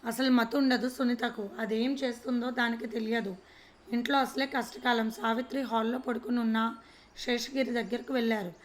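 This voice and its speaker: A woman storyteller reads a domestic serial aloud at an even pace. Her voice sits fairly high and hardly rises or falls. The narration is calm and measured.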